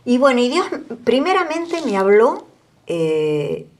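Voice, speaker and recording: A woman's voice: a little high, very animated, takes it slowly. A woman in her sixties with an Argentine Spanish accent, a guest telling her story with earnest emotion. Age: 60s. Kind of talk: testimony in an interview.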